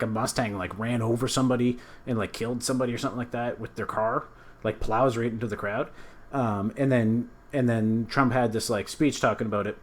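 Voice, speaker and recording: Rambling man hosting casual news commentary. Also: medium pitch. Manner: rambling, loose delivery with many restarts. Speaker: show host.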